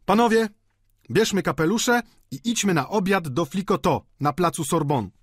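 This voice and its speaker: A man reading aloud voices a brisk, cheerful young medical student with a raised, breezy delivery. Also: sits high, lively intonation, husky, dry recording, studio quality, pitched above the performer's own voice.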